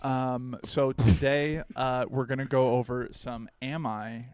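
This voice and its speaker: A man co-hosting a podcast in playful, joking casual chat, apologizing quickly. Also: medium pitch, fairly even intonation, darkish tone, clear, resonant tone, no echo. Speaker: podcast co-host.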